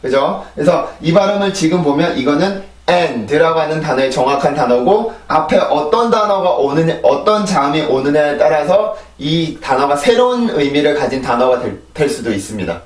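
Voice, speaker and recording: A man with a Korean accent gives an English pronunciation lesson. His voice sits slightly high and he stands back from the mic. The room rings around him as he patiently repeats each drill word. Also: expressive, moderate pace, hardly any pauses, roomy sound, recorded from a distance. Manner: explains patiently, drilling words in repeated sets. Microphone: clip-on mic on a phone camera.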